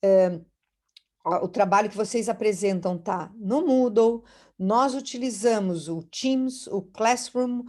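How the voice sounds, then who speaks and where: Mellow-voiced woman lecturing over a video call. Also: medium pitch, slow. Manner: explanatory, often rephrasing mid-sentence. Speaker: university lecturer. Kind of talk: online lecture.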